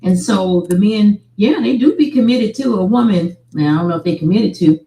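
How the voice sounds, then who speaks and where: A woman's voice: mid-range voice, expressive, normal speed, warm tone. A woman giving casual, opinionated commentary on celebrity gossip, telling it colloquially like a story. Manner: colloquial, storytelling with mimicked dialogue. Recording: roomy echo.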